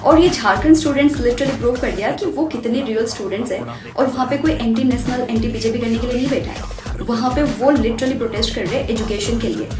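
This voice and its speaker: A woman mocking a public figure in a teasing political roast. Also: high-pitched. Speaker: commentator. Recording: echoey room with loud music.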